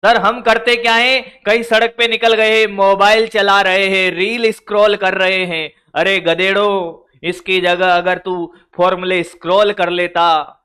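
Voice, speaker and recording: A man's voice: high voice, level tone, a little slow, hardly any pauses, sharp tone, smooth. A man teaching physics exam strategy in a lecture, with a Hindi accent, scolding students in a colloquial, brotherly way.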